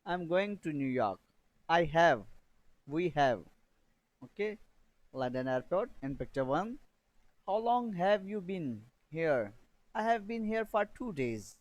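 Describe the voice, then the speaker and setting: A man teaching a beginner English lesson, reading drill sentences slowly and repeating phrases for learners to copy. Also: on the high side, very animated, highs cut off.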